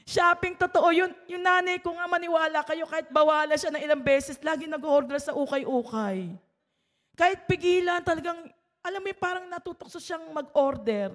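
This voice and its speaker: A woman's voice: very high-pitched, normal speed, a bit bright, in a large hall. A woman pastor giving a conversational sermon, listing points and often checking in with the listeners through tag questions.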